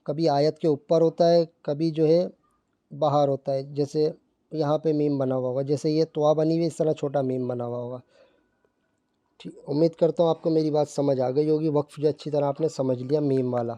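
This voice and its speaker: A man teaching Quran reading in Urdu, explaining patiently and reciting verses slowly. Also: fairly high pitch, fairly even intonation, warm tone, no echo, dull audio. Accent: Pakistani Urdu.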